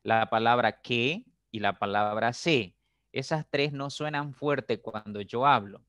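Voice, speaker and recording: Guy teaching a class, patient, keeps checking if you got it, drags words out slow, dry close sound. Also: mid-range voice, a bit bright, no room sound. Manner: patient, repetitive, checks understanding with "¿listo?"; stretches words slowly to show stress. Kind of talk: recorded classroom lesson.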